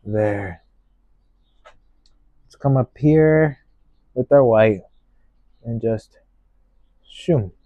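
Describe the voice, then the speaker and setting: A man talks through a painting demonstration in a gentle instructor's manner. His pace is very unhurried, with short, musing phrases and a medium pitch. The sound is dry and a little dull, with no room around the voice. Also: no room sound. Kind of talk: unscripted painting tutorial narration.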